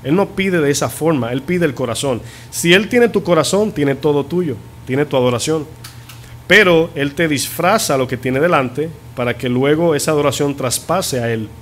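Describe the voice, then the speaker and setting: A man's voice: fairly high pitch, slight background noise. Man preaching a teaching sermon. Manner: teaching, asks the congregation questions; stretches key words slowly for emphasis. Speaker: pastor. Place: church.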